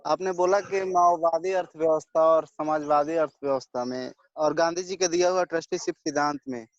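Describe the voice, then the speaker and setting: A young male student comes through a crackly call line that keeps dropping out, and the sound is dull and lo-fi. His voice sits a little high for a man. He asks his question haltingly and stops to check whether anyone can hear him. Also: fairly even intonation, no echo. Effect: crackly call line that keeps cutting out. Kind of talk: question in an online class.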